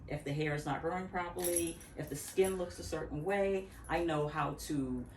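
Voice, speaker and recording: A woman in her fifties from Barbados, a natural hair care practitioner, is a guest in a casual interview at her home, speaking reflectively with restarts, asides, and laughs. Her low, slightly mellow voice moves at normal speed. She's recorded far from the mic in an echoey room with faint background noise.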